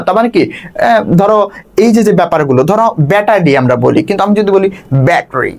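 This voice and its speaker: A young man teaching a literature class, explaining a text line by line and restating each point for his students. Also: high voice. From Bangladesh. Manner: lively, quick, repeats and rephrases for students.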